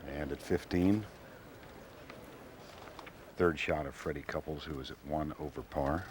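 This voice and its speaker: Man, golf commentator, deep pitch, clipped measured phrasing, noisy outdoor broadcast. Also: fairly even intonation. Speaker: golf commentator, lead announcer on a hole. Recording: crowd and outdoor noise behind broadcast. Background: golf course crowd and outdoor ambience.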